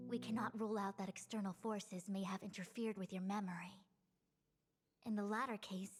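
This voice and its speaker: A woman voicing a composed, formal, analytical young companion in a video game, speaking in measured, articulate phrases. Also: mid-range voice, natural voice. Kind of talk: English video game voice acting. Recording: music behind the voice.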